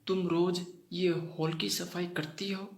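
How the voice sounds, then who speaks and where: A man's voice: high voice, flat delivery, slow pace, gravelly, exaggerated voice. A man reading as a mischievous fairy queen. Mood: teasing. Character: mischievous female fairy queen, young-seeming. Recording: roomy echoey room.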